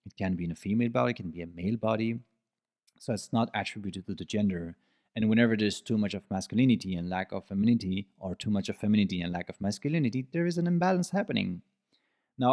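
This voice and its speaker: A man's voice: fairly low pitch, darkish tone. A man hosting a solo podcast in an earnest, explanatory manner. He repeats key phrases for emphasis and his English phrasing slips at times. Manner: non-native phrasing and grammar slips. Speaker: podcast host. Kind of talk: reflective solo monologue.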